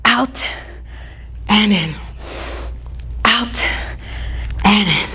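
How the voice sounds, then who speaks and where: A woman's voice: mid-range voice, very slow, pushed and bright, breathy edge. A woman working as an aerobics instructor, out of breath as she counts reps and gives short, encouraging workout commands. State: out of breath from exercising. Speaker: fitness instructor.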